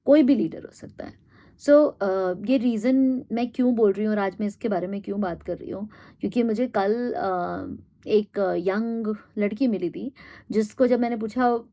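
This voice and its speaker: A woman giving a reflective monologue, thinking aloud with pauses and fillers and mixing in English phrases. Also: medium pitch, mellow. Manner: thoughtful, pauses with fillers, mixes Hindi and English. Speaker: host.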